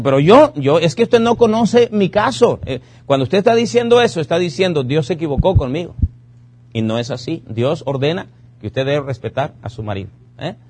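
A man's voice: on the high side, a little mellow, breathy edge. A man preaching a sermon in a church, driving his points home with rhetorical questions and repeated commands. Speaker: pastor.

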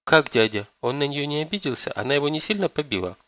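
A man voicing a shocked adult daughter who fires off excited questions. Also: fairly high pitch, fast talker, no room sound, highs cut off, voice pushed up.

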